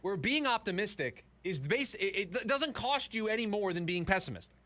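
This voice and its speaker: A male sports radio host chatting in the studio, animated and repeating words when he gets emphatic. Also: high voice, normal speed. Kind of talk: sports talk radio chat. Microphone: studio mic.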